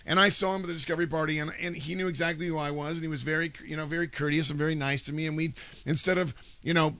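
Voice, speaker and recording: Bright-voiced American man telling rambling anecdotes. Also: fairly high pitch, steady tone, very fast. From Portland, United States. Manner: blunt, profane, rambling storyteller. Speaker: podcast guest, former TV personality. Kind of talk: casual chat with anecdotes. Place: living room. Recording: slightly dull, lo-fi podcast sound.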